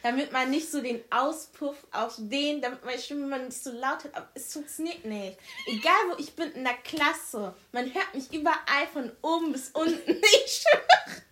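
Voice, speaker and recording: A young woman guest with a very loud voice, talking emphatically in quick bursts in a casual podcast chat. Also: high-pitched, slight background noise. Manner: emphatic, quick bursts, says "ich schwör".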